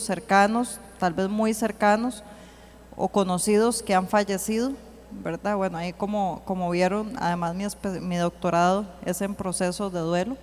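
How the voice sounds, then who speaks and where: A woman giving an earnest church teaching, slowing to read scripture aloud. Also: medium pitch. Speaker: church speaker. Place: church hall. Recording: long hall reverb.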